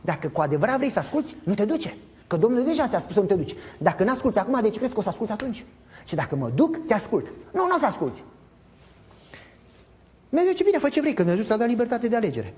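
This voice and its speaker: Un pastor de vârstă mijlocie care predică animat, cu întrebări retorice către adunare și replici jucate. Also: male voice, high voice. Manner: animated, emphatic preaching with acted-out dialogue; addresses congregation directly with rhetorical questions. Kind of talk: sermon.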